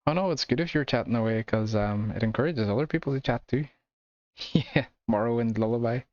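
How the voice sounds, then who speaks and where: A man with an Irish accent chatting casually with his viewers while streaming a game, relaxed and laughing often. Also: mid-range voice, a little fast, dry recording, muffled recording. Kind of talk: casual gameplay chat with viewers.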